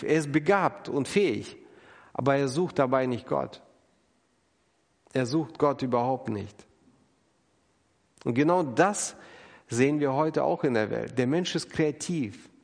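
A man preaching an earnest, emphatic sermon, acting out the people he quotes. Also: on the high side. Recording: long hall reverb.

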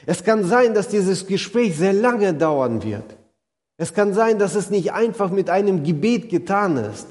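A man's voice: high-pitched, big pitch swings, unhurried, darkish tone. A man preaching a sermon, earnestly speaking straight to his listeners and retelling stories vividly. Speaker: pastor. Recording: long hall reverb.

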